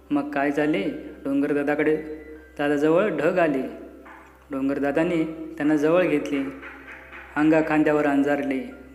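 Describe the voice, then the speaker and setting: A man reads a children's story aloud in a measured, expressive way. His voice sits a little high, with a long reverb around it. Soft music runs underneath. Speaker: storyteller reading a school lesson. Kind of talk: storybook narration. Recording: echoey room, faint music behind.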